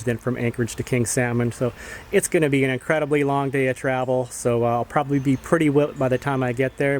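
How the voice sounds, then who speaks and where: A man's voice: mid-range voice, darkish tone. A man talking casually to camera as a travel vlogger, giving updates on his trip. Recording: faint background noise on location.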